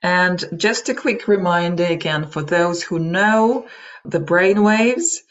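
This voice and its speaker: This explanatory online lecture is delivered slowly by a native Russian speaker with a mid-range, fairly bright voice and a Russian accent. The speech is informal and halting with many asides, and the webinar recording is dull and lo-fi.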